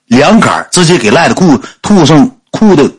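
On a livestream, a storyteller with a Northeastern Chinese accent tells a comic anecdote, acting out the people in it with lively animation. His voice sits on the high side and moves at a normal speed.

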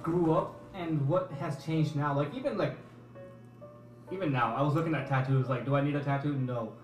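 A man's voice: a little high, moderate pace. Distant, echoey young man chatting. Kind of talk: casual group chat. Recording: echoey, off-mic, music behind.

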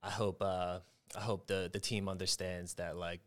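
A young adult man hosting a casual sports betting talk show, telling stories in an animated, excitable way. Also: low-pitched, normal speed. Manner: animated storyteller, excitable, mimics shouting. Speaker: host.

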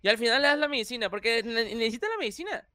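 A young man with a Mexican Spanish accent, talking as a guest in a casual interview, animated and quick to laugh. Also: extremely high pitch, dry recording. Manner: animated, laughs often, restarts phrases. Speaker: YouTuber guest.

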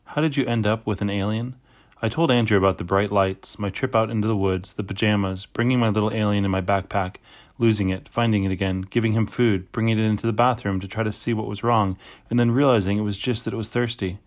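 A man narrating a children's audiobook in a steady, plain first-person storytelling manner. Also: lowish voice, fast talker.

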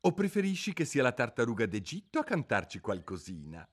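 A man voicing a gruff, impatient male griffin who talks briskly and bosses others around. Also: mid-range voice, huge pitch swings, pitched below the performer's own voice. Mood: coaxing. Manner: brisk, commanding.

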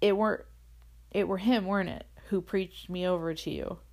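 Brief: woman playing a cheeky, unrepentant street boy, curt rough speech, gravelly edge, storybook reading. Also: fairly low pitch, steady tone, moderate pace, a little mellow, close to an everyday voice. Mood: defiant. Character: poor defiant teenage boy, blunt and unrepentant.

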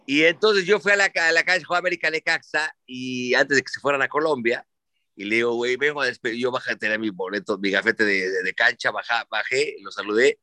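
This medium-pitched man speaks a little fast, with a Mexican Spanish accent and no echo in the recording. As host of a casual conversation, he spins sports stories with lots of energy and swearing, imitating the people he quotes.

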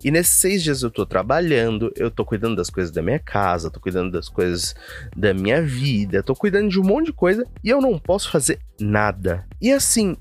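A man's voice: medium pitch, big pitch swings, a little fast, faint music behind. A young man from Brazil with a Brazilian Portuguese accent, telling a personal story in a chatty, self-mocking vlog monologue full of asides. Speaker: vlogger. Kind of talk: casual confessional monologue.

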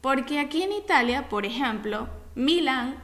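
A woman with a fairly high voice co-hosts a casual podcast. She explains each point in an emphatic, teacherly way. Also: lively intonation, normal speed, a bit bright. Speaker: podcast co-host.

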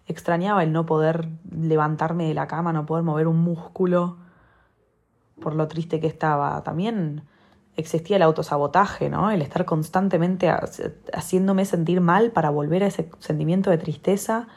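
A woman's voice: low-pitched, gravelly, a little mellow, breathy edge. A young woman with a Rioplatense Spanish accent, talking candidly to camera in a rambling, repetitive way as she gives advice. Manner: candid, rambling, repeats phrases for emphasis. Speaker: vlogger giving advice. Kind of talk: casual confessional talk to camera.

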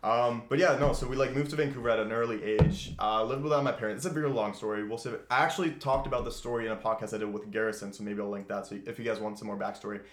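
A man's voice: on the low side, fairly even intonation, rapid-fire, few pauses, a little hiss or hum. A man in his twenties from Austria, hosting a podcast and talking loosely and candidly. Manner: loose and candid, lots of "like" and swearing. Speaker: podcast host. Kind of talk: casual podcast chat. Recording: echoey room.

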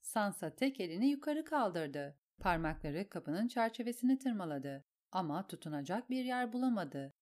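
A woman's voice: mid-range voice, normal speed, few pauses. A woman giving a dramatic storybook narration and acting out the characters. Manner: expressive, acts out the characters. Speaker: audiobook narrator.

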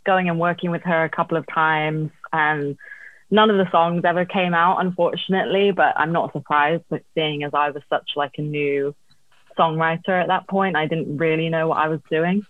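A woman's voice: low-pitched, steady tone, moderate pace, dry recording, narrow, tinny audio. A woman songwriter being interviewed, chatting casually about her career over thin call audio. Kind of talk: casual chat, telling career story.

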